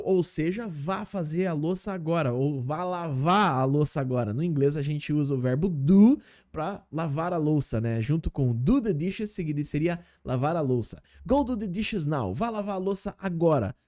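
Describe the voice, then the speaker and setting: A man's voice: on the high side, expressive, normal speed, a little mellow. A man teaching English in a casual video lesson, explaining step by step and often checking in with his viewers.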